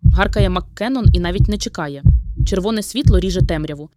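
A woman's voice: fairly low pitch, fairly quick, dark tone. A woman reading a second-person dramatic story aloud in an intimate, dramatic storytelling manner. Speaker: narrator. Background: background music.

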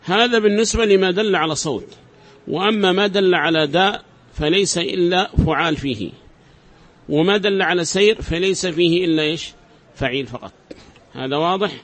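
A man with a fairly high voice, lecturing a class. He goes through the material patiently, repeats each example and keeps checking that his students follow. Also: fairly bright tone. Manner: explains step by step, repeats examples, quizzes students. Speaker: teacher of Arabic grammar.

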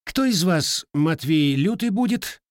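Male reader as a formal police captain, curt and demanding, pitched up, dry close sound. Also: lively intonation, measured pace, no echo.

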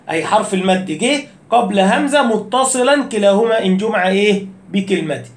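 A man with an Egyptian Arabic accent giving a casual recitation lesson, asking rhetorical questions and breaking into slow chanted verses. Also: high voice, echoey room. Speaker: Quran recitation teacher.

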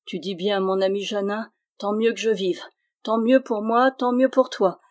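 A woman's voice: mid-range voice, fairly even intonation, moderate pace, a little mellow, close to an everyday voice. A woman voicing an impish little male dwarf who mocks and teases in a raised, exuberant voice. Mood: teasing. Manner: teasing, exuberant.

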